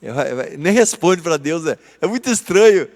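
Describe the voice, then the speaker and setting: Male pastor, Brazilian Portuguese accent, high voice, animated Bible lesson, reverberant church hall. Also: normal speed. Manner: animated, dramatizing, conversational with tag questions. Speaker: pastor teaching a theology course.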